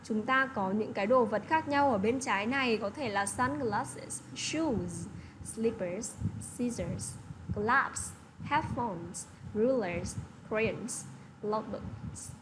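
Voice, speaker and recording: A woman's voice: a little high, slow pace, noisy background. A woman teaching an English lesson to children, patiently explaining and often checking that the class has understood. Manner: patient, repeats checks like "được chưa".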